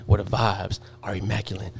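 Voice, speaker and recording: Low gravelly guy hosting a podcast, laid back slangy talk, some faint noise. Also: flat delivery, brisk. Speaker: podcast host. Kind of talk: casual podcast chat.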